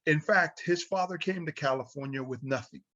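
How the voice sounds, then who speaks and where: A man's voice: on the high side, moderate pace, bright, forceful tone, highs cut off. A man hosting a talk show, reading his guest's introduction and then interviewing him in an upbeat, emphatic way. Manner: upbeat, emphatic introduction with rising calls to the audience. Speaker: show host.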